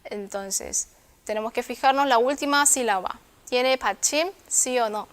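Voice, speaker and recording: Woman teacher, smooth clear voice, a bit high, patient and methodical. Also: moderate pace, fairly bright tone. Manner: patient, repeats words and checks understanding with "¿sí?". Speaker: Korean language teacher. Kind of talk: classroom lesson explanation.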